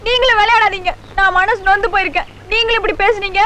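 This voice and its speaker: A woman's voice: extremely high pitch, steady tone, fast, bright, forceful tone, slight background noise. An actress playing a distraught young village woman who refuses an arranged marriage, pleading and defiant in a 1980s Tamil film drama. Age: young adult. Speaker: village heroine. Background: film score.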